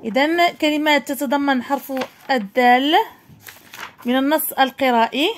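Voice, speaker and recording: A woman from Morocco teaching a primary-school reading lesson, sounding out syllables one by one in a slow, deliberate way. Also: high voice, a little hiss or hum.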